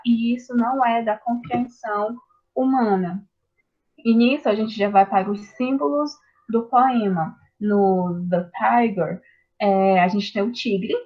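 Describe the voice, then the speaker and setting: A woman gives a recorded class presentation, talking slowly and pausing often as she works through her points. Her voice sits at an ordinary middle pitch. The recording is dull and muffled, with the top end rolled off. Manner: slow, hesitant explaining with many fillers. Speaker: student presenting a poetry assignment.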